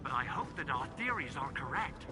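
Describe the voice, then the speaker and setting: The character is an enthusiastic, earnest male engineer from a video game, voiced by an actor who explains things in a lively way with music underneath. He uses a mid-range voice close to an everyday one, speaking fairly quickly.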